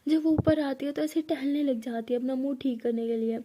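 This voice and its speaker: A woman's voice: high-pitched, brisk, dark tone. A woman narrating a love story in a casual, conversational storytelling voice. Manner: conversational retelling with dialogue tags.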